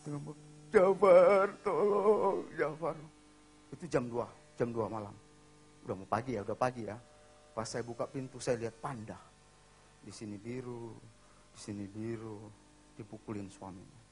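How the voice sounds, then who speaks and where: A man's voice: on the low side, fairly even intonation, moderate pace, pauses often, slight background noise. A man preaching in a church, telling a story in a casual way with dramatic acted voices. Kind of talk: storytelling sermon.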